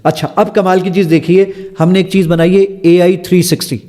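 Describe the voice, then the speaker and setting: A man's voice: sits high, flat delivery, mellow. A man, the founder of an app, eagerly explaining and demonstrating its features step by step as a podcast guest. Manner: eager, stepping through features one by one.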